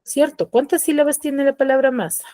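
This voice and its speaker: A woman's voice: sits high, steady tone, a little fast, warm tone, no echo, rough recording. A woman teacher, lecturing in an online class, explaining patiently, repeating key terms and checking that the students follow. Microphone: computer mic on a video call.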